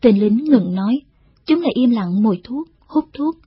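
A woman narrates a novel in a measured, even reading. Her slightly high voice is very husky and breathy. The recording is dry, dull and lo-fi. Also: no echo. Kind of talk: scripted audiobook narration.

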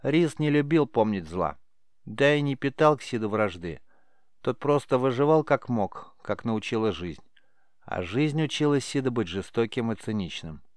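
A man narrating an audiobook in a measured storytelling manner. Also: medium pitch, animated, a little mellow, dry recording, studio quality. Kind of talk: scripted narration.

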